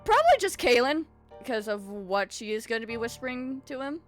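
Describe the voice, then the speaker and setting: Giggly, animated young woman game master. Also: fairly high pitch, fairly quick, soft background music. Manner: giggly, lively, full of fillers. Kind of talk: narrating a tabletop game.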